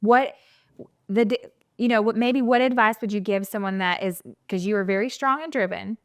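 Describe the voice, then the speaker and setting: A woman with a Southern accent hosts an interview, speaking in a smooth, mid-pitched voice. She asks questions encouragingly and adds quick asides. The recording is dry and close. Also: no room sound. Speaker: podcast host. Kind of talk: casual interview chat.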